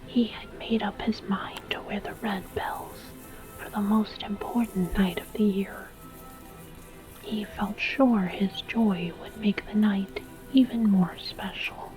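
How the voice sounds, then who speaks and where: A woman whispers a scripted story in soft ASMR style. Her delivery is very unhurried, with gentle, deliberate phrasing. Music plays quietly underneath. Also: mid-range voice, rough recording.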